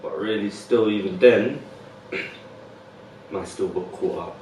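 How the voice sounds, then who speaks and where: London man, low voice, relaxed slang-heavy guest, distant echoey recording. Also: takes it slowly, slight background noise. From West London. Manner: laid-back street slang, many fillers. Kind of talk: casual interview.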